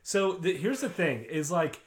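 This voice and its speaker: A young man hosts a loose podcast conversation, his pitch swinging up and down in a lively way. He rambles through fillers and breaks into laughter often, keeping the talk easygoing. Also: unhurried, a little hiss or hum. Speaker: podcast host. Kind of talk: casual chat.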